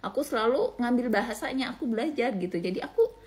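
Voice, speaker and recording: Woman from Indonesia, Bugis accent, casual animated monologue, slips between languages, laughs easily. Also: on the high side, quick pace. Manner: mixes regional language into chatty talk.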